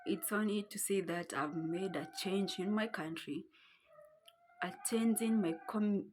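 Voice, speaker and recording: A young woman vlogger with a Kenyan accent, sitting on her home's floor, rambles through a casual story as she gropes for words. Her voice is mid-range and unhurried, with background noise audible.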